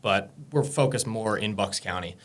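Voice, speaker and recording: A young man from Pennsylvania speaks as a podcast guest in a small studio. His voice is fairly low. He answers in an easygoing, modest way, with a few filler pauses. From Pennsylvania, USA. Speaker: real estate broker, podcast guest. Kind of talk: casual interview chat.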